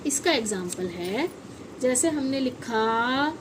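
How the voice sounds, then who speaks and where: A woman's voice: on the high side, expressive, slow pace, noisy background. A woman teaching an English phonics lesson to children. She spells words out letter by letter and asks the children to say them back. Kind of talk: classroom-style phonics lesson.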